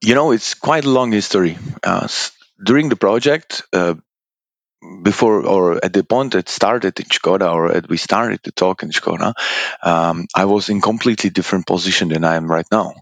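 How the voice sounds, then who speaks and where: Casting: very low, dry-voiced man, hesitant interview guest. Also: vocal fry, no echo. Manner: halting, many fillers and restarts. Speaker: guest, procurement department lead. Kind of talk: interview answers.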